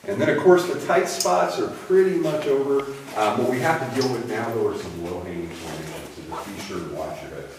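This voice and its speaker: A man working as a cave tour guide, giving informal, folksy commentary and joking with his group inside a cave. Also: lowish voice. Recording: echoing cave, far mic, noisy.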